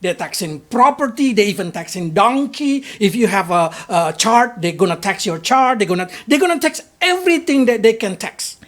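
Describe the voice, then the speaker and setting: A woman preaching a sermon in short, halting phrases and pausing for her interpreter. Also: mid-range voice, lively intonation.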